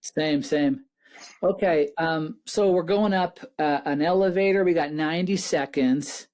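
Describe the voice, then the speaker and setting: A man's voice: on the high side, unhurried, darkish tone. A man in his thirties hosting a podcast, talking in a chatty, rambling way with many restarts. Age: 30s. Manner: chatty, rambling, self-interrupting. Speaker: podcast host. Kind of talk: casual interview chat.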